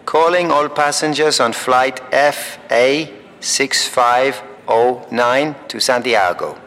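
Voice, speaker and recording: An actor playing a calm, formal male airport announcer who reads flight numbers slowly and clearly. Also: mid-range voice, long reverb tail. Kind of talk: scripted language-course recording.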